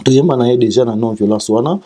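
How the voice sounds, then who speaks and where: Here a guest singer talks informally and passes along greetings, his mid-range voice dark in tone. His delivery is halting, full of repeated syllables and restarts.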